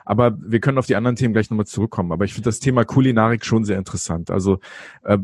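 A man's voice: fairly low pitch, rapid-fire, darkish tone, husky, no room sound, studio quality. A young man hosting a podcast, chatty and leading into new topics with long wordy setups. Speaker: podcast host.

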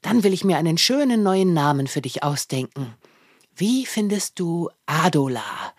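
A woman voicing a kindly father of a young boy, speaking calmly and reassuringly. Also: lowish voice, normal speed, breathy edge, no echo, clean studio sound. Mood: gentle, soothing. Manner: calm, soothing, reassuring.

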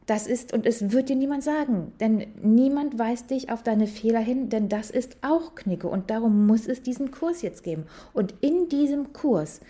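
A woman hosts a casual podcast monologue on etiquette. Her voice is mellow and warm, with an emphatic delivery that slows on stressed words and speeds through asides. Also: a little high. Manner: animated, emphatic, switches between slow stress and fast asides. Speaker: podcast host and etiquette coach.

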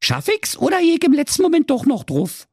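A man's voice: wildly swooping pitch, a little fast, darkish tone, no echo, studio quality, heavily acted. A man voicing a cheeky young girl, brash and blunt, in a comic fairy tale. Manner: brash and squeaky.

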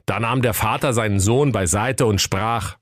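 A man narrating a comic fairy tale for children in a lively, playful storytelling manner, in a studio. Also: on the low side, normal speed, no echo.

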